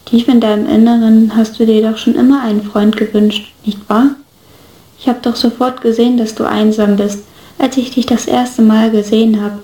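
A woman's voice: fairly high pitch, little pitch movement, moderate pace, warm tone, natural voice. A woman voicing a cheerful, teasing young man who talks in an easy, coaxing way, in an echoey room. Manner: teasing and easygoing.

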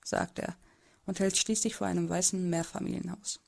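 A woman's voice: lowish voice, fairly even intonation, moderate pace, gravelly, darkish tone. A woman voicing a timid, bullied teenage boy who narrates his own story in an amateur audio drama, in a hesitant, subdued way.

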